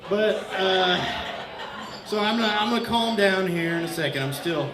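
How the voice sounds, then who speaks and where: High-voiced man doing stand-up in a bar. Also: moderate pace, very noisy. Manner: loud, rambling, mock-earnest with crowd banter. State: out of breath. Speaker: stand-up comedian. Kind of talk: stand-up comedy set. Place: bar stage with laughing crowd. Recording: echoey bar room, crowd laughter.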